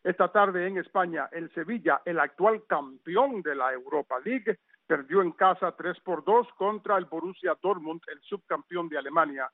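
A man's voice: on the high side, expressive, normal speed, dry recording. A man reading a radio sports news roundup in a conversational way, with chatty asides. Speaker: sports reporter. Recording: tinny phone-line sound.

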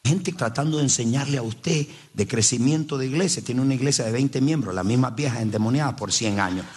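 A man's voice: mid-range voice, a little fast, a little mellow, slightly rough. A man preaching a sermon, speaking emphatically and addressing the congregation directly. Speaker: pastor.

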